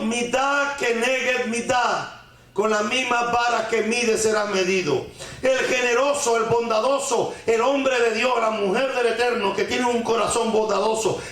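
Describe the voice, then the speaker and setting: A man with a rather high, fairly bright voice delivers a sermon on the week's Torah portion, sprinkling in Hebrew terms and folk sayings. He poses rhetorical questions again and again and repeats lines to stress them. The room is very echoey, so heavy reverb rings through the recording.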